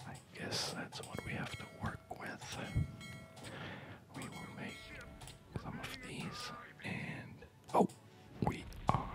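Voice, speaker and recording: Softly musing aloud, a video gamer whispers unhurried, breathy ASMR commentary on their own gameplay, accompanied by background music.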